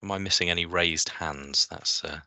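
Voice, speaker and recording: A man chairing an online meeting, moving through the agenda with hesitant pauses and fillers. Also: deep voice, sharp tone, dry recording. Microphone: video call.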